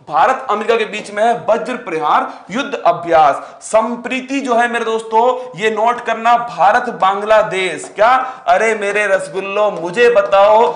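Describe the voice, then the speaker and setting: Guy teacher, high voice, keeps asking the class questions and teasing them, lots of room echo. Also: a bit bright. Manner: rhetorical questions, playful teasing nicknames for students. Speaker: exam coaching teacher. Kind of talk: energetic exam-prep lecture. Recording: echoey room.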